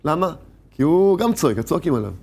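Brief: high-pitched male religious teacher, animated Torah lesson, rhetorical questions, sudden louder bursts.

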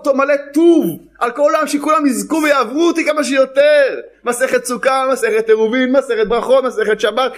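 A male preacher delivers a religious sermon built on parables. His voice is very high. He repeats phrases for emphasis and imitates sounds as he speaks. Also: fairly bright tone. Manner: repetitive, emphatic, uses sound effects.

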